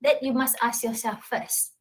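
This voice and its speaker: In a steady tone and at normal speed, a woman with a fairly high voice answers audience questions at a talk. She is a university lecturer with a Malaysian English accent who keeps confirming understanding through frequent "yeah?" and "all right?" tags.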